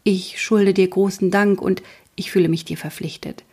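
A woman doing a timid grown-up detective in an audiobook, halting and mumbling as he goes. He trips over his words and trails off again and again. The voice carries a husky, slightly gravelly grain. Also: mid-range voice, steady tone, a little mellow. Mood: bashful. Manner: stammering, mumbling, hesitant. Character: shy stammering male detective, adult. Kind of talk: audiobook character voice.

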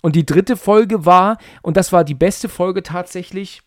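A man's voice: high-pitched, a little slow, dry recording. A man with a slightly raised voice talks casually on a podcast, caught up in retelling a horror story. He stumbles over fillers and restarts as he goes. His voice sounds close and dry, with no room around it. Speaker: podcast co-host. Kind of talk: casual chat.

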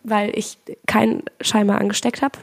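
A woman in her twenties speaks at an average female pitch with a husky smoker's rasp, sounding hoarse. She chats casually on a podcast in a jokey, self-ironic way. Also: little pitch movement, normal speed. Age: 20s. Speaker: podcast co-host.

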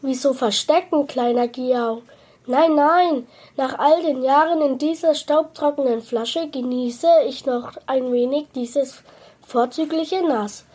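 Woman reading storybook water genie, fat old man, unhurried, relishing, slow, highish. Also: a little mellow, breathy edge, full character voice. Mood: cheerful. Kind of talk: reading a children's book aloud.

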